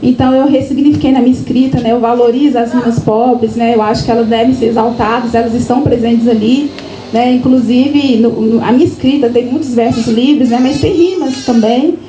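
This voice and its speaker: Mineira woman author telling her story at a launch, high mellow voice, lots of tag questions, echoey room with some faint noise. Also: steady tone, brisk. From Minas Gerais, Brazil. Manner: chatty, frequent tag questions and restarts. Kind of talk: casual personal storytelling to an audience. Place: event room, live audience.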